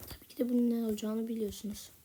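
A woman giving casual gameplay commentary in a soft, half-whispered voice, a little sick with a slightly rough voice. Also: fairly high pitch, flat delivery, racing, a little hiss or hum. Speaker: gaming channel host.

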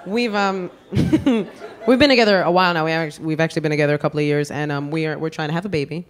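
A young woman from the Bronx doing a sassy, self-mocking stand-up set with quick asides. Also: deep voice. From Bronx, New York. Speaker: stand-up comedian. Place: comedy club stage before a laughing crowd. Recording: lively crowd laughter and noise. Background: audience laughing and cheering.

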